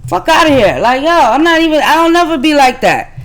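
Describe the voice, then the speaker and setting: A woman's voice: high voice, lively intonation, a little fast. A woman co-hosting a podcast in casual, heated chat, arguing in profane slang. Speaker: podcast co-host.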